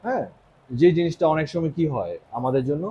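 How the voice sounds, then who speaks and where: Young Bangladeshi man teaching, higher voice. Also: animated, fast, muffled recording, a little hiss or hum. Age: young adult. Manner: casual Bangla mixed with English phrases, frequent "right?". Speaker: English teacher. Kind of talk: motivational lesson to students.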